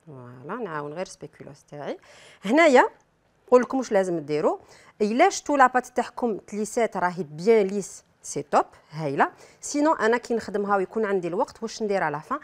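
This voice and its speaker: A woman's voice: medium pitch, sing-song, rapid-fire. A woman with an Algerian accent presenting a cooking demonstration, chatting straight to her viewers with frequent asides.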